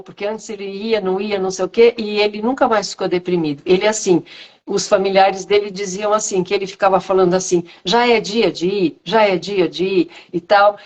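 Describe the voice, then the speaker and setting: A woman guest, a speech therapist, chatting on a video call and telling stories with animated, shifting intonation. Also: medium pitch. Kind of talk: casual video-call conversation.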